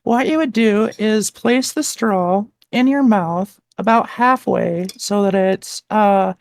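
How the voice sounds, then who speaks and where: A woman's voice: mid-range voice, takes it slowly, no echo, studio quality. A woman voice coach explaining exercises patiently and step by step in a live-stream conversation, often filling with "like" and "um", on a desk microphone. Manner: patient, step-by-step, with frequent "like" and "um" fillers. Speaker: voice coach guest. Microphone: desktop mic with adjustable gain.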